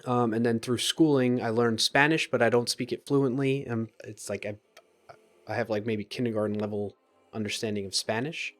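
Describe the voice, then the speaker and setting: During a live coding stream, a man who speaks English as his first language thinks aloud casually, chatting with viewers between tasks and reading their comments aloud. He often trails off and restarts sentences. His mid-range voice has fairly even intonation at normal speed, with faint music behind.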